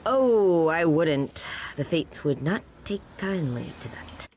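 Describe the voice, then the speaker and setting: A woman's voice: low-pitched, big pitch swings, slow pace, a little mellow, a little hiss or hum, exaggerated voice. A woman playing a breezy, offhand guide from Greek myth in a video game. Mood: matter-of-fact. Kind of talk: casual video game acting.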